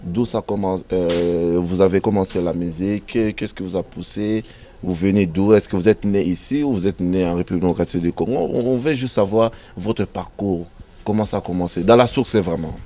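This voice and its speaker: A man with a fairly low voice hosts an interview. He greets his guest with formal courtesy and strings several questions together in a loose, rambling way. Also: fairly even intonation, brisk, mellow. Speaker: interview host.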